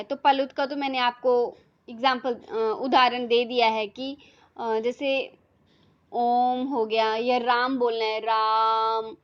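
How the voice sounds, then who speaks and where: Woman teacher with a high voice, patient slow explaining, kinda dull lo-fi sound. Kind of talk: classroom lesson.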